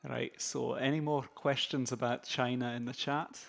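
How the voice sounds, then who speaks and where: A stand-in stream commentator with a put-on Scottish accent, as a man plays him. He speaks slowly and drily, in a mock-formal tone, at a middling pitch for a man. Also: little pitch movement, creaky, fairly bright tone, faint music behind. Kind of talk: casual stream chat.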